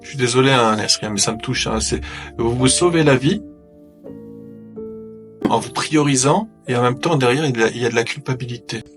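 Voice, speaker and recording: A man with a mid-pitched voice hosts a therapeutic interview. He probes gently and mirrors back what he hears, with soft music underneath. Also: brisk, long pauses. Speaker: host counselling a guest.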